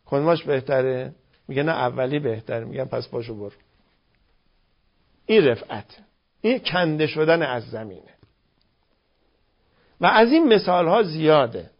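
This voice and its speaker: An older man giving a moral lecture in sermon style, with slow, emphatic phrasing and rhetorical questions. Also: fairly high pitch, lively intonation. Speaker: religious lecturer. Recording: dull lo-fi recording.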